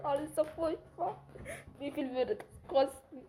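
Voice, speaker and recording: A woman's voice: high-pitched, a little slow, warm tone, faint music behind. A woman playing a rich, mournful merchant in a subdued manner in an audio play, with some background noise. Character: rich merchant mourning a poor dead mother. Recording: faint noise and background ambience.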